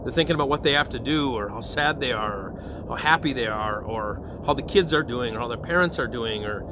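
Brisk and mid-range, the priest's voice competes with a noisy background as he gives an informal evening prayer reflection. He speaks conversationally, regularly asking his listeners "okay?" and "all right?"

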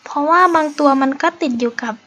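A woman's voice: high voice, fast, slight background noise. A woman hosting a survival game playthrough, chatting to her viewers and correcting her own slips as she plays. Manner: drops to a scared hush in tense moments. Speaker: gameplay host. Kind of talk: casual let's-play commentary.

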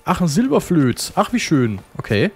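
A man's voice: fairly high pitch, sing-song, normal speed, darkish tone, breathy edge, soft background music. A man giving casual, joking gameplay commentary and reading game text aloud. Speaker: let's play host.

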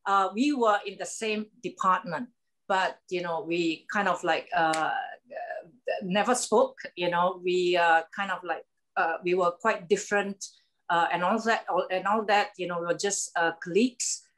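A woman's voice: fairly low pitch, fairly even intonation, normal speed, a bit bright. A woman, a guest on a video-call interview, speaking hesitantly with many fillers. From Singapore, born in Indonesia.

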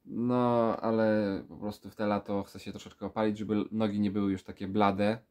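A Polish man in his thirties chats loosely for a vlog from a small indoor room lined with full shelves. He's sick with a stuffy nose and feels weak, so his fairly low, slightly mellow voice sounds pinched and nasal. His delivery is flat and his pace moderate as he rambles on.

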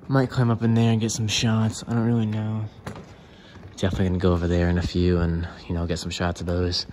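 Inside a large abandoned church, a young adult vlogger talks casually to the handheld camera he carries while moving around. Background noise is present; his low-pitched voice drifts loosely, stuffed with "um" and "you know" as he explores.

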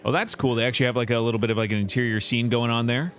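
A man's voice: mid-range voice, fairly even intonation, rapid-fire, a bit bright, slight background noise. A man streaming a detective game live, thinking aloud about clues with frequent restarts.

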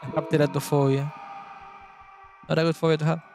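This gaming YouTuber is a young man from Argentina whose first language is Spanish. He talks through a gameplay guide in a chatty way, occasionally searching for words and cursing at the game, with a fairly high voice, flat delivery, fairly quick pace and vocal fry.

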